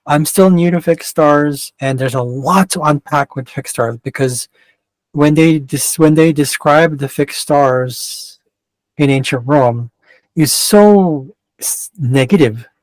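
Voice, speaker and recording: Reading an astrology chart casually, a man rambles off on tangents and keeps cutting himself off, speaking with a mix of Canadian and West Coast American accents. His voice is fairly high and slow. The audio is poor, with no room sound.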